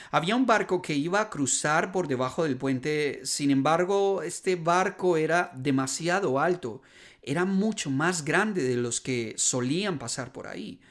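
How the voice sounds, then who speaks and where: A man hosting a podcast who preaches a sermon as an earnest story and lifts his voice to stress key points. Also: a little high.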